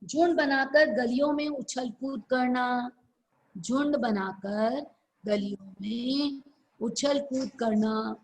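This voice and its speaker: Woman teacher on a video call, high pitch, slow dictation with repeated phrases. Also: rough recording. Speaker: school teacher. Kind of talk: dictating answers in an online class.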